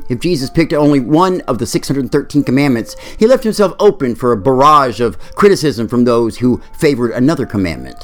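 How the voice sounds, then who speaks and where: A male pastor delivering a sermon, telling a story with lively quoted voices. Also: mid-range voice, fairly quick, hardly any pauses.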